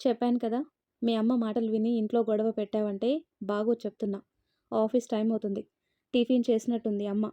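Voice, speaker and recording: A woman's voice: on the high side, level tone, a little fast, dark tone, no echo, close to an everyday voice. Woman reading as a curt reproachful husband. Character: cold stern young husband.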